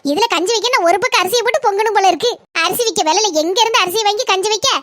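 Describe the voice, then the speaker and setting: Cartoon gossip housewife, southern dialect, very high, fast and bright as a woman voices her. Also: no echo, clean studio sound. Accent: southern Tamil Nadu village dialect. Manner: gossipy, exaggerating. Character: gossiping village housewife complaining about in-laws. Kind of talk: cartoon voice acting.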